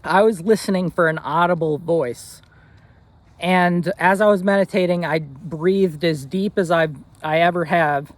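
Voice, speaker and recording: A young man in his twenties tells a personal story straight to the camera. His voice sits a little high for a man. He talks earnestly and rambles, with many fillers and restarts. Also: a little slow, dry recording. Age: 20s. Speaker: vlogger.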